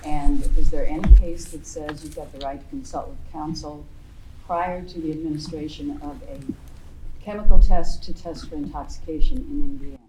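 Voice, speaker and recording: Low-voiced woman judge questioning counsel. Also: normal speed. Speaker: appellate judge. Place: echoing courtroom. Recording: echoey room, noisy background.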